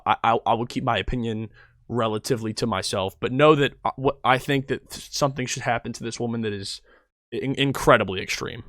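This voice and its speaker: A man's voice: mid-range voice, a bit bright, no echo, clean studio sound. A man reacting to a video on a live stream, blunt and profane, restarting his sentences.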